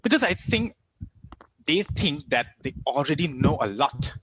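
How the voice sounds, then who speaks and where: A man's voice: fairly high pitch, big pitch swings, measured pace, noisy background. A man from India giving a humorous stand-up speech, self-mocking and chuckling at his own jokes.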